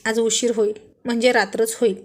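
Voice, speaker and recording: Brief: woman voicing a playful husband, joking and flirty, highish voice. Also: little pitch movement, fairly quick, natural voice. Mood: teasing.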